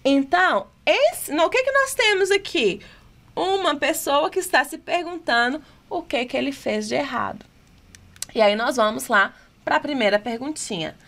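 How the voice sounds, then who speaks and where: Woman, high voice, Brazilian Portuguese accent, English teacher, exam-prep lesson, rhetorical questions, slow careful reading of English lines. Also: lively intonation, a bit bright. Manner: asks rhetorical questions, reads English items slowly and deliberately.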